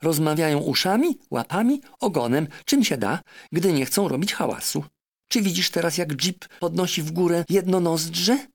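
A man voicing a shrill, proud, know-it-all female parrot in a storybook reading. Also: animated, moderate pace. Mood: instructive. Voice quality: shrill, squawky. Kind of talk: audiobook character voice.

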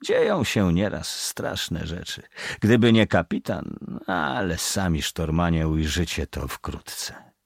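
A man voicing a guarded, superstitious ship's bosun who talks in a hushed, secretive way. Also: deep voice, lively intonation, takes it slowly, creaky, no echo, studio quality, exaggerated voice. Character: evasive, superstitious middle-aged male ship's bosun.

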